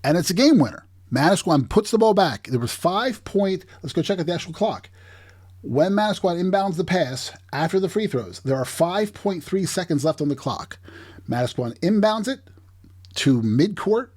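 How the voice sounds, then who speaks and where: Animated man breaking down game footage. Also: high-pitched, moderate pace, slightly rough. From New Jersey. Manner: animated play-by-play, emphatic restarts. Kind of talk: sports video commentary.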